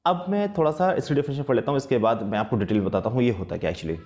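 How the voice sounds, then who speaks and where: A man teaching an English lesson with patience, repeating and rephrasing each point, slow and careful in English and quicker in the rest. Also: mid-range voice, darkish tone. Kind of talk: explanatory lesson mixing Hindi and English.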